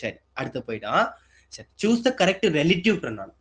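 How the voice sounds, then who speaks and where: Man teacher, fairly high voice, explains step by step, keeps checking if students follow. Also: big pitch swings, slow pace, fairly bright tone. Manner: asks students questions and answers them, repetitive. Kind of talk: exam-prep grammar lesson.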